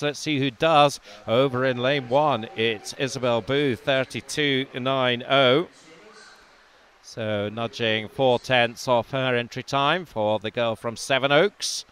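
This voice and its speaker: With a clear, resonant mid-range voice and an unhurried pace, a man not from Wales commentates live on a swimming meet. He calmly reads lanes and times and raises his voice during close finishes.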